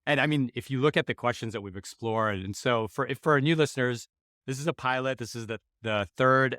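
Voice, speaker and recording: A man from the United States hosting a podcast, chatting in an animated, rambling way with casual swearing. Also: medium pitch, no room sound, studio quality. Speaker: podcast host. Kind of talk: casual conversation.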